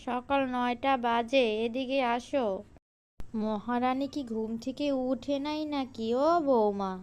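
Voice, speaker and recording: A bossy, nagging village mother-in-law from a cartoon, voiced by a woman, calls out over and over and scolds. Her voice is smooth and clear and sits a little high. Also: measured pace, a little mellow, lightly acted. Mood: calling, impatient. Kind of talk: cartoon voice acting.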